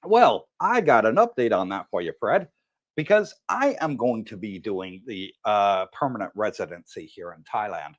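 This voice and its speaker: A man's voice: on the low side, very animated, normal speed. Guy with missing teeth, slight lisp, chatty livestream host, really up and down voice, chummy. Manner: chummy, greeting viewers by name. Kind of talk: casual live chat.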